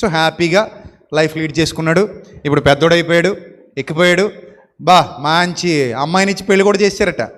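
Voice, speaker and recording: A male pastor preaching a sermon, animated, with many rhetorical questions and playful mock quotes. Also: fairly high pitch, a little fast, pauses often, in a large hall.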